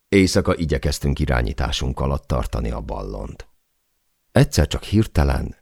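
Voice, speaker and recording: Recorded close in a studio with no echo, this male audiobook narrator has a rumbling low voice full of vocal fry. His scripted reading is dramatic, with the quoted cries shouted out.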